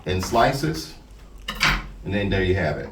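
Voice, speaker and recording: A man's voice: deep voice, sing-song, measured pace. A man teaching an informal hands-on cooking demonstration, explaining carefully and unhurriedly step by step and often checking that listeners follow. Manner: often checks understanding with okay, right. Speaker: cooking club instructor, home cook. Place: indoors at a house, far from mic. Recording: roomy, distant mic with loud noise.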